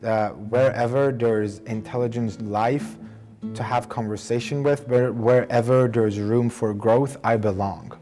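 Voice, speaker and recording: In a reflective documentary interview, a young Iranian man with a Persian accent talks about his own life, earnest and measured, sometimes restarting sentences to correct himself. His medium-pitched voice is steady and warm, with faint music behind him.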